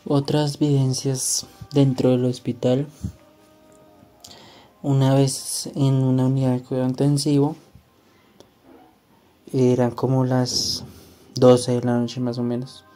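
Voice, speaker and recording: A man speaks, a doctor recounting his hospital experiences. His voice is deep-toned and very dark, held in a narrow, level pitch. Faint music plays behind him. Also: monotone, slow, pauses often. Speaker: doctor, guest. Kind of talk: recounting personal hospital stories.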